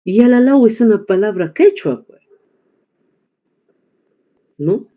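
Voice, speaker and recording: A woman teaching an online class, pausing often on fillers and checking in with tag questions. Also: mid-range voice, lively intonation, mellow. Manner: hesitant, many filler pauses and tag questions.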